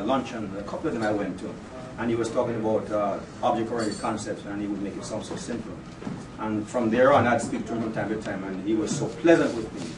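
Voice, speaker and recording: A man giving a chatty, informal farewell speech to a colleague, repeating words as he goes and partly reading from a page. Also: fairly low pitch. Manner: chatty, laughs between phrases, repeats words. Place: indoor office farewell party. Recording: roomy, far from mic, background noise.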